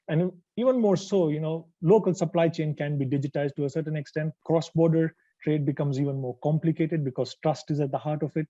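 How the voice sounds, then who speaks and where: A man on a conference panel, explaining his product in a steady, explanatory way, on dull online call audio. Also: on the high side, dry recording. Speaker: panelist, tech company founder.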